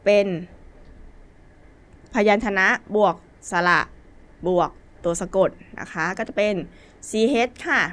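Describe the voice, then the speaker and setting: Thai-accented woman teacher, unhurried, patient basic English lesson. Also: mid-range voice, a bit bright. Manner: slow, patient spelling out of words letter by letter.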